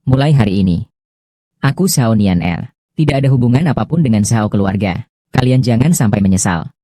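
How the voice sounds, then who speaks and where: A man's voice: medium pitch, lively intonation, moderate pace, warm tone, no echo, studio quality, close to an everyday voice. A man voicing a wronged young woman who speaks bitterly and accusingly in dubbed drama dialogue.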